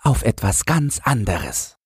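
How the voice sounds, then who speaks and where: A man's voice: fairly low pitch, very animated, slow pace, breathy edge, dry recording, studio quality, voice pushed up, heavily acted. A man voicing a frightened nine-year-old boy who keeps watch over rubble, timid and stubborn. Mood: evasive. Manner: timid, stubborn, quietly grieving. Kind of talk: audiobook character voice.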